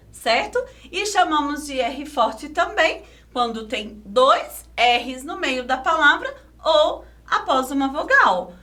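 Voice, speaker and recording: A woman teacher with a Brazilian Portuguese accent, giving a video lesson to children, sounding out syllables slowly and clearly and asking coaxing questions. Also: sits high, pushed and bright. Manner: slow, over-enunciated syllables, coaxing questions.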